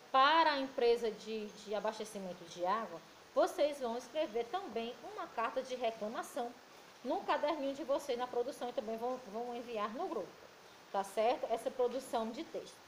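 High-voiced teacher with a Brazilian accent. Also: female voice, a little hiss or hum, rough recording. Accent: Brazilian Portuguese. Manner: affectionate, patient, reads word lists slowly. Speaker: primary school teacher. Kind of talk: recorded remote lesson for children.

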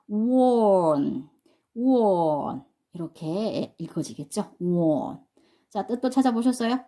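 With a medium-pitched voice and dark tone, a woman gives an English pronunciation lesson to adults. She explains each step patiently, repeats points, and keeps asking the class questions.

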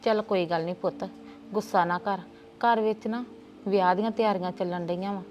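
A woman's voice: medium pitch, steady tone, fairly quick, a little mellow, dull audio, slight background noise. A woman playing an aunt in a family drama, soothing at first and turning indignant. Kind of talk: Punjabi family drama dialogue.

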